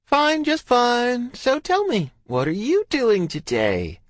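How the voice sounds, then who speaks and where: A man's voice: very high voice, huge pitch swings, slow, dry recording, pitched above the performer's own voice, exaggerated voice. A man voicing a meddling young woman friend who sings her words sweetly while scheming, in an audiobook. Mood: sugary scheming. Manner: sing-song, sugary, scheming. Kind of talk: audiobook character voice.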